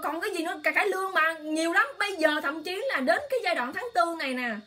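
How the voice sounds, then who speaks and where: A woman with a high voice hosts an emotional political livestream. She speaks straight to her viewers, exclaiming often. Her delivery stays impassioned and insistent. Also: sharp tone. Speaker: online livestream host.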